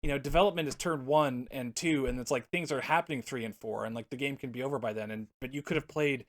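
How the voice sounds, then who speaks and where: A man's voice: mid-range voice, fast. Rambling man on a casual podcast. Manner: rambling, laughs often, searches for words. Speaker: podcast co-host. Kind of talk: casual chat about card games.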